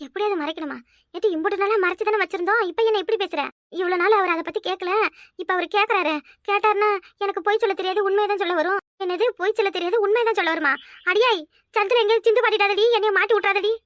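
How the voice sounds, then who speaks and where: A woman doing a bossy, anxious village mother-in-law past sixty for a cartoon, with a Kanyakumari Tamil accent. Her very high voice rattles off its worries and scoldings quickly, and the recording is dry and close. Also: a bit bright, no room sound. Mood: worried. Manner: fretful, scolding. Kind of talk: cartoon voice acting.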